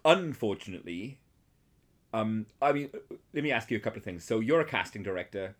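A man in casual film chat, sardonic and full of swearing, with bursts of animated outrage. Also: fairly low pitch, a little fast.

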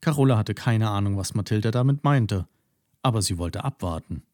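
A man narrating a children's story in an expressive storytelling way. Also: lowish voice, a little fast, no echo, studio quality.

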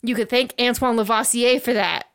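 Woman podcast host, smooth, slightly high voice, casual history chat. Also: steady tone, moderate pace, a bit bright. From United States. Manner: chatty, laughs often, loose storytelling.

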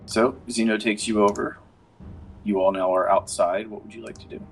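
A man's voice: fairly low pitch, fairly even intonation, moderate pace, soft background music. A man narrating as game master in a tabletop game, easygoing and descriptive. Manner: easygoing, descriptive with fillers like "kinda".

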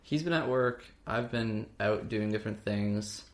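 A man's voice: on the low side, unhurried. A young man co-hosting a podcast, chatting casually and rambling a bit. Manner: rambling, fake-ad delivery at times. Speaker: podcast co-host. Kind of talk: casual chat.

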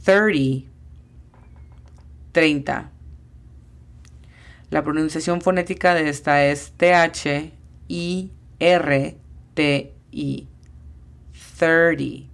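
A woman's voice: sits low, steady tone, slow, pauses often. A woman teaching an English lesson in a podcast, patiently spelling out pronunciations letter by letter.

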